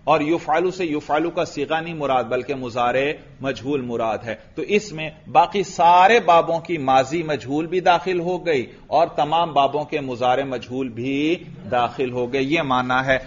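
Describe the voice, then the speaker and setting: A man's voice: fairly high pitch, measured pace, few pauses, highs cut off, slight background noise. A man from Pakistan with a Pakistani Urdu accent, giving a classroom lecture on Arabic grammar, reciting Arabic terms and asking his students questions. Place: religious school classroom.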